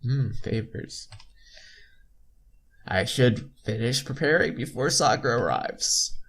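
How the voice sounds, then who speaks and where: Game music plays while a young man slowly reads a visual novel aloud for a playthrough, his mid-range voice lively, a bit bright, and edged with breathiness. His delivery is casual, with occasional stumbles he corrects and some throwaway remarks.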